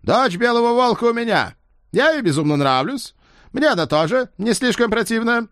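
A man's voice: extremely high pitch, sing-song, moderate pace, clear, resonant tone, no echo, clean studio sound, pitched above the performer's own voice, full character voice. A man doing a haughty young Viking king. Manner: haughty, boastful, shouted. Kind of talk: audiobook character voice.

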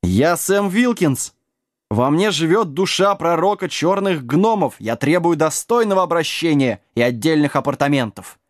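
A man's voice: fairly high pitch, animated, normal speed, no room sound, clean studio sound, pitched above the performer's own voice, natural voice. A man voicing a cheeky, talkative male lapdog who squeals and whines, in an audiobook reading. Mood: pompous. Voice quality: squealing, raised voice. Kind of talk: audiobook character voice.

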